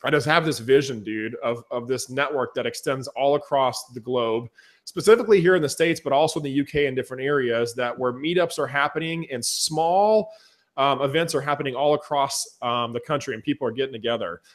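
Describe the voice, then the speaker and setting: A man hosting a casual webinar, energetic and enthusiastic as he talks to his viewers, his voice going hoarse. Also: medium pitch, brisk. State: losing his voice. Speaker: webinar host.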